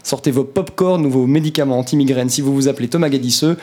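A young man giving a quick, theatrical recap as a radio columnist, with mock announcer flourishes. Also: medium pitch, a little mellow. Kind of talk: scripted political recap.

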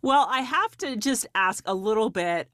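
A woman hosting an interview podcast, with a low, soothing voice, presenting and asking questions. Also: lively intonation, normal speed, a bit bright, no room sound, clean studio sound. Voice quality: low, soothing, beautiful speaking voice. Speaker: podcast host. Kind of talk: scripted show introduction and interview.

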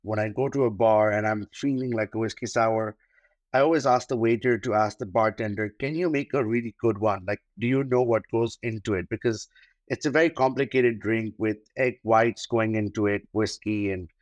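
The muffled, room-free recording captures a man with a lowish voice speaking at a moderate pace. A luxury wedding planner by trade, he responds thoughtfully to podcast interview questions, with frequent fillers and repeated starts.

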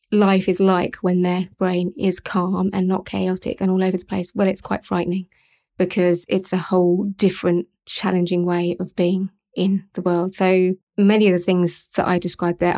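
A middle-aged woman, hosting a podcast and speaking candidly and in a measured way about her own experiences. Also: lowish voice. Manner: candid, measured, occasional soft laughs. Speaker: podcast host. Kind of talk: personal reflective monologue.

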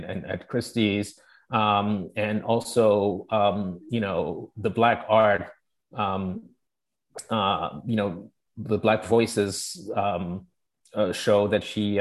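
A man from Togo, moderating an online forum in a measured way, often searching for his words. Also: on the low side. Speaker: panel moderator. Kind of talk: introducing an online forum discussion.

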